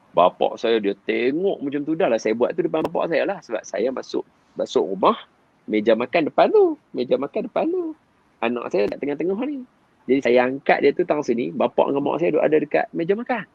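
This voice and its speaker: A man, telling a story in an animated way and often turning to address his listener directly. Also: mid-range voice, creaky, husky, no room sound, muffled recording. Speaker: guest father sharing parenting experience. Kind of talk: storytelling in conversation.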